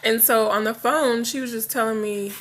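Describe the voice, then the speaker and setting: This woman in her forties has a slightly high, somewhat bright voice with a steady tone and normal pace. Talking directly to her viewers in a casual vlog, she's open and chatty, laughs readily, and trails off into tangents, sounding freshly woken up.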